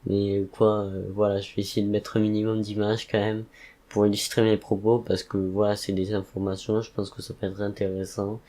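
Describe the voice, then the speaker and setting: A man with a slightly rusty voice, giving a relaxed, hesitant, rambling monologue in a calm, subdued way. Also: on the low side, moderate pace. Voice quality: rusty, slightly rough tired voice. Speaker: content creator hosting a podcast-style update. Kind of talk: casual, relaxed evening monologue.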